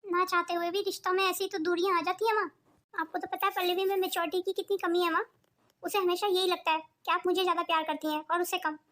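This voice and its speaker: A woman's voice: very high-pitched, level tone, fast talker, fairly bright tone. A woman voicing a sweet, hardworking elder daughter-in-law in a cartoon, speaking politely and soothingly. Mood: gentle. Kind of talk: cartoon voice acting.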